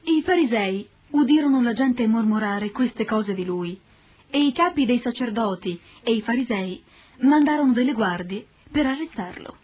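A woman narrating a Bible passage in a steady, solemn storytelling manner. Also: fairly high pitch, normal speed, breathy edge.

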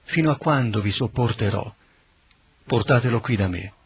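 A man reading the words of Jesus as a calm, authoritative teacher in a scripted Bible reading, solemn and measured. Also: medium pitch, a little hiss or hum, lightly acted. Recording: dull lo-fi recording.

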